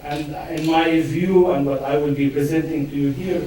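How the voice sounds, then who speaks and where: A man's voice: fairly high pitch, fairly even intonation, moderate pace, mellow, a little hiss or hum. Hesitant Palestinian-accented man lecturing in an echoey hall. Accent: Palestinian Arabic. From Israel. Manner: hesitant, many fillers and restarts. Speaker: guest lecturer. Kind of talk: academic lecture. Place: large lecture room. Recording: echoey hall, mic far off.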